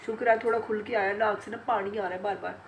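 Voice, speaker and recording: A woman's voice: medium pitch, fairly even intonation, fast talker. Middle-aged woman vlogger, blocked-nose cold voice, chatty and laughing, faint hiss behind. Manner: chatty, laughing often, retelling family talk. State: congested and sore-throated from a cold. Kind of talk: casual chat to camera.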